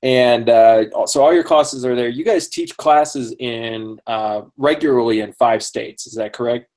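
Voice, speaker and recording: A man's voice: mid-range voice, measured pace, darkish tone. A man hosting a casual interview, friendly and talkative, often laughing and using many fillers. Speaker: podcast host.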